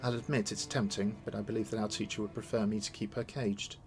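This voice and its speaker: Man reading as a stern, low-voiced noblewoman. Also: little pitch movement, fast talker, over music, lightly acted. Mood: resolute. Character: stern, wronged noblewoman seeking her throne. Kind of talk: read-aloud of video game dialogue.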